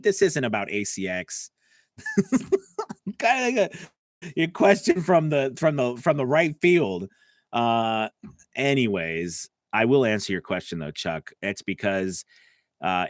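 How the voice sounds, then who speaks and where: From his home studio, a voice-over coach streams live, coaching voice actors and answering viewer comments in a relaxed, chatty manner. His voice has a fairly low pitch, and the recording is dry.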